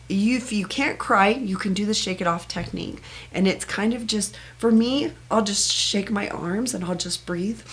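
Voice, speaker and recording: A woman teaching a self-help meditation technique in a soft, earnest manner, speaking in short, repeated phrases. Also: mid-range voice. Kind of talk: gentle guided self-help instruction.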